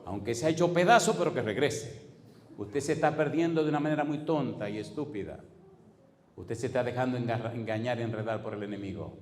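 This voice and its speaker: A man with a Dominican Spanish accent, preaching a fervent sermon in a church hall. His voice sits mid-range and rises into forceful exclamations and rhetorical questions. The sound rings with long reverb from the room. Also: medium pitch, fairly quick. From Dominican Republic. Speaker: pastor.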